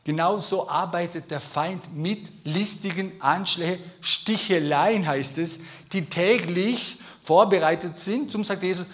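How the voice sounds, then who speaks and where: A man preaching a sermon in a lively, emphatic way, speaking straight to his congregation. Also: high-pitched, a little slow. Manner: lively, emphatic, addresses listeners directly.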